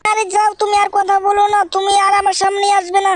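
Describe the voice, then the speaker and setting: A woman voicing a mischievous, hot-tempered little boy in a fan-dubbed game video, talking in a shrill, whiny way. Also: completely flat delivery, fast, no room sound. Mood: angry.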